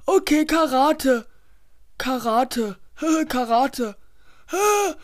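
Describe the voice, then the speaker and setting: A woman playing a goofy, dim-witted and excitable schoolboy in a homemade story. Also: sits high, extremely slow, no room sound, studio quality, heavily acted. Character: dim-witted cheerful boy pupil.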